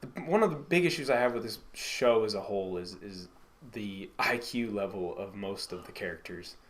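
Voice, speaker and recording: A man co-hosting a casual podcast chat, rambling and swearing freely, his sentences often trailing off quietly. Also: on the low side, lively intonation, moderate pace. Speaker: podcast co-host.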